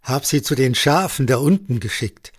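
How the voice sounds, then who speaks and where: A man's voice: mid-range voice, lively intonation, moderate pace, breathy edge. A man voicing a jovial, mischievous farmer in a spoken story. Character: good-humored roguish male farmer.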